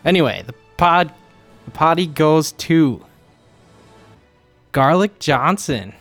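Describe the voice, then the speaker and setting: A man's voice: on the high side, animated, slow, fairly bright tone, faint music behind. A man co-hosting a comedy podcast, dry and teasing in casual chat. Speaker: podcast co-host.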